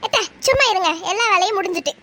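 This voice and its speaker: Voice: very high-pitched, lively intonation, rapid-fire, noisy background. A young performer voicing a crafty, spendthrift young daughter-in-law in a comedy sketch, speaking with a Thoothukudi Tamil accent in a coaxing, offhand way.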